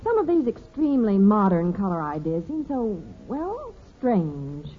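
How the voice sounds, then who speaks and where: An actress playing a gentle, slightly anxious housewife and mother in a 1950s radio sitcom, speaking softly and hesitantly. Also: mid-range voice, sing-song, a little slow, breathy edge. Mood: fretting. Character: gentle, fussy middle-aged housewife and mother. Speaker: mother of the family. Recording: tinny old radio transcription with faint hiss.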